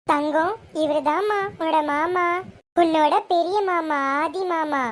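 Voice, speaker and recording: Woman as a very high-pitched tearful younger sister, earnest. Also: fairly even intonation, slow pace, slight background noise. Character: long-lost younger sister, young mother, emotional.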